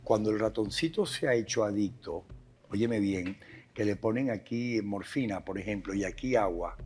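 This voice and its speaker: A man's voice: lowish voice, moderate pace, darkish tone. A man with a Venezuelan accent, a guest addiction expert speaking with passion and repeating phrases for emphasis. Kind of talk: emphatic testimony and explanation.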